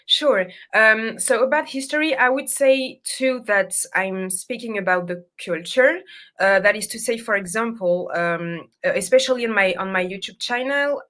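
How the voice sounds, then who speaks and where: A woman's voice: mid-range voice, moderate pace, a bit bright. A woman from France with a French accent, a native French speaker, a podcast guest who speaks hesitantly in English and searches for words. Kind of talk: interview.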